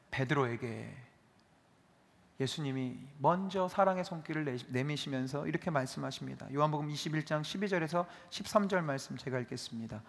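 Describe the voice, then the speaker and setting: A male pastor preaching a sermon, lively, acting out quoted dialogue as he goes. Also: high voice. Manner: animated, acts out dialogue in his telling. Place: church sanctuary. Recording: reverberant church hall.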